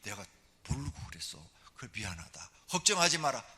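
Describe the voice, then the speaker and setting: A man's voice: mid-range voice, big pitch swings, a little fast, sharp tone. A man preaching who voices a stern old priest who barks a rebuke and then gives fatherly comfort. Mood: reassuring. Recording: long reverb of a church hall.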